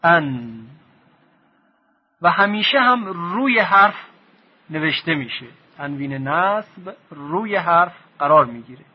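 A man teaching a recorded lesson on Quran recitation, speaking slowly, repeating his definitions and drilling sounds aloud. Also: high-pitched, animated, breathy edge, muffled recording.

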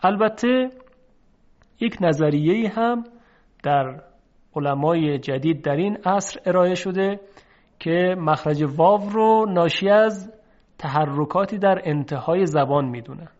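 A man teaching Quran recitation, explaining how letters are pronounced and stretching out example sounds slowly for his students to repeat. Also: sits high, darkish tone, dull audio. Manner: slow, drawn-out demonstration of sounds. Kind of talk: lesson on letter pronunciation.

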